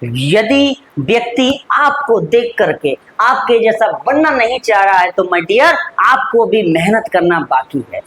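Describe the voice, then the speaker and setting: A man with an Indian accent teaching English, repeating phrases slowly and coaxing his students. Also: extremely high pitch, sharp tone, slight background noise, low-quality recording. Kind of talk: classroom-style lesson, drilling phrases.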